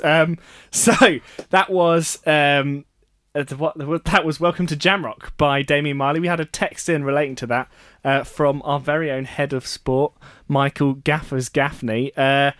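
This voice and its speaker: A man's voice: a little high, fairly even intonation, normal speed, fairly bright tone, no room sound, clean studio sound. A man hosting a student sports radio show, chatting casually, laughing often and correcting himself as he goes.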